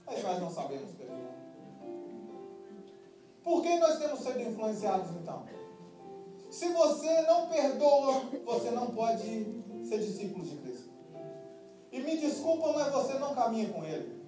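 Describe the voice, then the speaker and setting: A pastor from Minas Gerais preaching a sermon in a Minas Gerais accent, humorous and emphatic, telling stories. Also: male voice, extremely high pitch, big pitch swings, moderate pace, pauses often. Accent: Minas Gerais Brazilian Portuguese. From Minas Gerais, Brazil. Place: church hall before a congregation. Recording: echoey church hall, distant mic, music and congregation.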